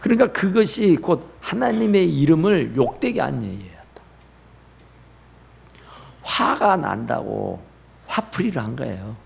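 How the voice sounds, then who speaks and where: A man's voice: a little high, very animated, measured pace, gravelly, long pauses, breathy edge. A man preaching a sermon as pastor in a church, rising in bursts and dropping to near whispers. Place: church sanctuary.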